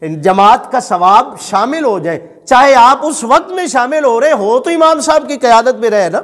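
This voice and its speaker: High-voiced man teaching in a reverberant hall. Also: animated, fairly bright tone. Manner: asks the listeners questions and answers them himself; repeats and explains points patiently. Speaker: religious teacher. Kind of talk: lecture.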